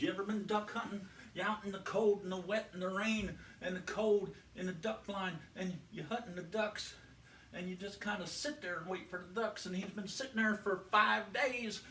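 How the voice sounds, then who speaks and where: A man's voice: high voice, fairly bright tone, slight background noise. A man telling a long comic joke in a folksy, meandering way, full of restarts and fillers. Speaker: comedian. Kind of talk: rambling joke storytelling. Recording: roomy, distant mic, faint ambience.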